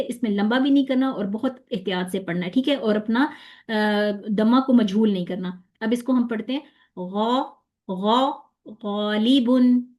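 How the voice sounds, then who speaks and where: In an online lesson, a woman with a rather high, darkish voice teaches tajweed pronunciation, patiently drilling letter sounds slowly and repeating them.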